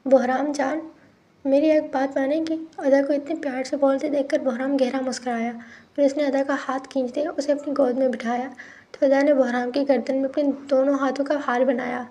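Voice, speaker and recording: High-voiced woman reading a novel. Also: a little fast, highs cut off. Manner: steady, even reading. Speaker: narrator.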